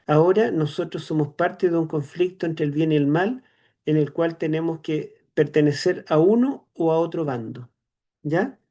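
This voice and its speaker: Chilean guy teaching a seminary class, kinda high gravelly voice, lots of eh and verdad. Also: dark tone. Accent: Chilean Spanish. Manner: explains slowly, fills with "eh" and tag questions. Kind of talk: online theology lecture.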